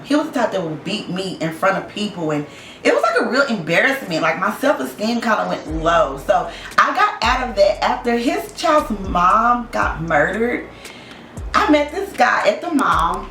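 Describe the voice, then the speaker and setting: A woman's voice: mid-range voice, big pitch swings, moderate pace, fairly bright tone, far from the mic, a little hiss or hum. A young woman from Oklahoma, telling her past as an interview guest in a candid, casual way, blunt and frank with plenty of swearing. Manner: blunt and profane, frank about hard past. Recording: roomy echo, voice off-mic, faint music behind.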